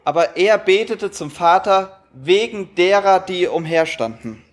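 A man's voice: sits high, expressive, unhurried. A man interpreting a sermon line by line, with some hesitations and fillers.

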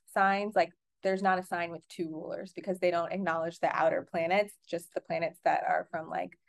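A young adult woman co-hosting a podcast, explaining things in a casual chat full of fillers and restarts. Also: on the low side. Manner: chatty, many fillers and restarts. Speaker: podcast co-host.

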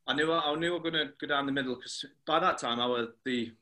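A man, a former footballer being interviewed, who tells stories lively and acts out the dialogue. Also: on the high side, fast. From England. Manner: animated storyteller who acts out quoted dialogue. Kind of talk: anecdotal interview chat.

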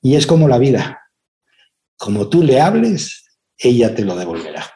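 A man voicing a gentle father teaching his young son, within a spoken story. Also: medium pitch, sing-song, normal speed, close to an everyday voice. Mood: tender.

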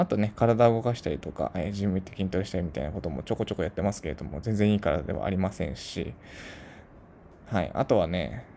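A man's voice: fairly low pitch, vocal fry, dark tone, a little hiss or hum. A man from Tokyo telling a casual story to his channel in a chatty, rambling way full of asides. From Tokyo, Japan. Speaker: channel host.

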